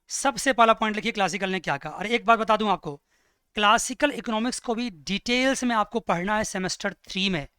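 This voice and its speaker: Bright, crisp male economics teacher. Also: sits high, dry recording, clean studio sound. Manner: lively, asks students questions; dictates notes slowly. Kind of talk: classroom lecture.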